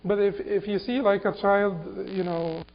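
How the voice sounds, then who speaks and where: Man from Egypt, lecturer; high voice, stop-start delivery with lots of repeats and fillers, muffled lo-fi sound. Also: fairly even intonation, creaky, slight background noise. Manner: halting, repeats words, many fillers. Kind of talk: Islamic lecture. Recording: dull lo-fi recording.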